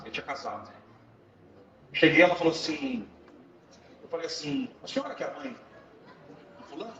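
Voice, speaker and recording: Man giving a fervent church testimony. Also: on the high side. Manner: storytelling, breaks into loud exclamations of praise. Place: large church hall, indoors. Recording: echoey church hall, far mic, dull sound, congregation. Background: congregation responding.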